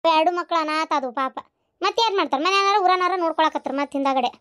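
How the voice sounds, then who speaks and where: A shrill, nagging older village aunt in a cartoon, voiced by a woman. She has a North Karnataka accent and a very high, piercing voice, and she rattles on at a fast clip. The recording is dry and close. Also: a bit bright, dry recording. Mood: gossiping. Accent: North Karnataka Kannada. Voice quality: shrill, scolding. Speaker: aunt at a childbirth. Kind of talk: cartoon voice acting.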